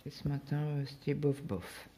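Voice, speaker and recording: A woman's voice: low-pitched, moderate pace, warm tone, slight background noise. A woman from France chatting casually on her craft vlog, rambling through everyday stories with lots of fillers while getting over a stomach bug. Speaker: cross-stitch vlogger. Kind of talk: casual chat.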